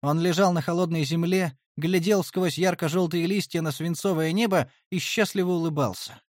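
A man's voice: on the high side, fairly even intonation, normal speed, no echo, clean studio sound. A man narrating a first-person fantasy audiobook in a wry, conversational way.

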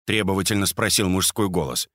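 A man narrating a crime audiobook in a steady, even reading manner. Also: sits low, brisk, no room sound, clean studio sound.

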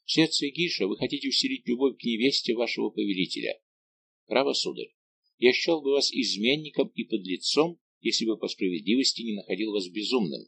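A man's voice: mid-range voice, animated, creaky, fairly bright tone, no echo. A man doing a cold, stern young viscount. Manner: cold, measured.

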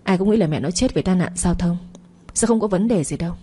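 A scheming middle-aged stepmother sneers and mocks in a story drama, as a woman narrator puts her on. Her lines come out quick, and the warm, breathy voice is pitched a little higher than the narrator's own. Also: lively intonation. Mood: calm. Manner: mocking, scornful.

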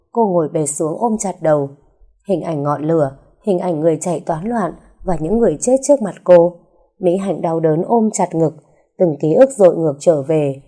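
A woman reads a romance story aloud in a calm, even storytelling manner. Her voice is mellow and a little low. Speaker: audiobook narrator. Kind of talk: scripted story narration.

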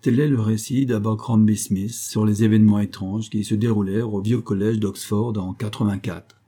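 A man narrating a translated classic short story in a steady, measured way. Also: on the low side, breathy edge. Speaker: audiobook narrator. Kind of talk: scripted narration.

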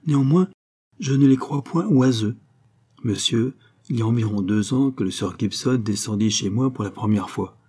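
A man's voice: mid-range voice, normal speed, darkish tone, close to an everyday voice. A man voicing a fawning, sly middle-aged hotel keeper in a storybook reading, obsequious and confiding. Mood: insistent.

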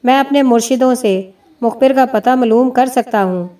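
A woman's voice: a little high, mellow, natural voice. A woman voicing a proud, boastful wandering male mystic, heard from a distant mic.

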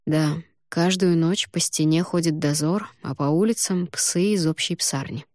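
A woman voicing a guarded young man with a foreign accent, who speaks in short, quiet, terse phrases. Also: low-pitched, measured pace, dry recording, clean studio sound. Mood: serious. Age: young adult.

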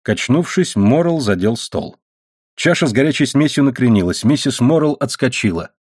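A man narrating a novel as an audiobook, reading in a measured, steady way. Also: mid-range voice, slightly rough, no echo, studio quality. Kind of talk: scripted narration.

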